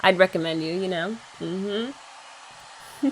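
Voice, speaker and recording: In a low-quality recording, a young woman makes ASMR as a teasing girlfriend, chatting playfully while her hair gets dried. She is soft-spoken, with a lowish voice and a slow delivery, and a hair dryer whirs faintly in the background.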